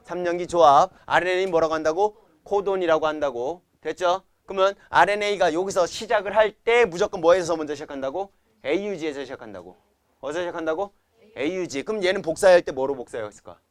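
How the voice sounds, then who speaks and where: Male science teacher, young adult, upbeat lecturer who drills students with repeat questions; voice sits slightly high, dry close sound. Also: fast talker, dry recording. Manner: playful chanting of memory tricks. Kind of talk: classroom lecture. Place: classroom.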